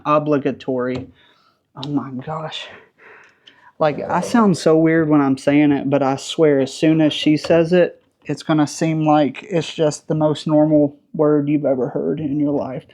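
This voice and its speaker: A man's voice: a little high, a little mellow. Southern dude in his 30s, joking around while he wrenches in his garage, easygoing chat. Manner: joking, self-deprecating, talks while working. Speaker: car restoration vlogger. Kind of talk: casual workshop chat. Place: home garage.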